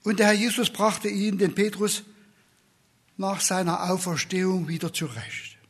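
A man preaching a sermon in a slow, earnest way, dropping to a soft whisper for repeated questions. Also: high-pitched, fairly even intonation, slightly rough.

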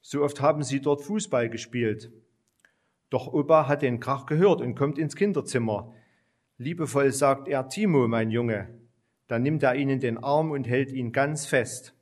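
A man narrating a children's story in a slow, gentle reading voice. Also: medium pitch.

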